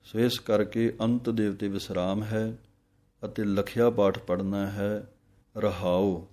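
A man leads a careful scripture recitation lesson in a low, mellow voice. He chants each line slowly and then spells out the letters and vowel marks. His delivery stays even and unhurried throughout. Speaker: Gurbani pronunciation teacher. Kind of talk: santhya lesson, slow chanted recitation with explanations.

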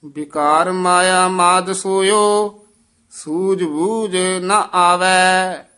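A man teaching scripture recitation, chanting verses slowly and breaking off for brisk, quiet pointers on where to pause and stress. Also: high voice, steady tone, clear, resonant tone. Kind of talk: chanted scripture recitation with spoken pronunciation tips.

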